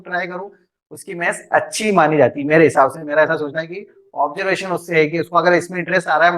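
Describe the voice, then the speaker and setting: A man's voice: high voice, fairly bright tone. A middle-aged man teaching an online math class, chatty and joking, teasing his students by name.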